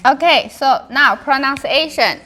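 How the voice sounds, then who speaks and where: A woman's voice: sits high, unhurried, sharp tone, a little hiss or hum. A woman with a Chinese accent teaching a language class, encouraging and practicing tones by repeating syllables and words.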